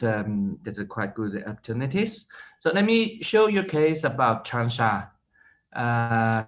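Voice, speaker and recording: A man giving a conference presentation over a remote call, his audio glitching and cutting in and out, speaking haltingly with many fillers. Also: mid-range voice. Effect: glitching audio that cuts in and out. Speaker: guest presenter. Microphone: remote video call.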